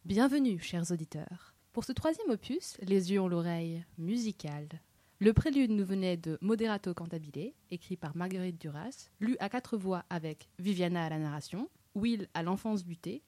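A woman hosts a literary podcast, delivering her scripted introduction with a wry, teasing humor. Her voice is mellow and warm, recorded dry and close. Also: medium pitch, expressive, normal speed, no echo. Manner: wry, self-mocking, playful. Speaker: podcast host.

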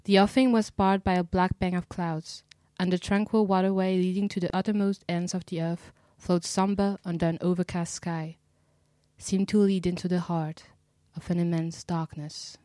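Female audiobook narrator, measured dramatic delivery, dark voice, dry booth sound. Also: on the low side, fairly even intonation, no echo. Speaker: audiobook reader. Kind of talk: scripted literary narration.

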